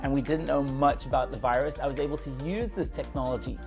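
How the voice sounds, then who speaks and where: A man's voice: medium pitch, steady tone, quick pace, soft background music. A man giving an eager, conversational lecture to camera about journalism and talking straight to viewers. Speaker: journalism instructor.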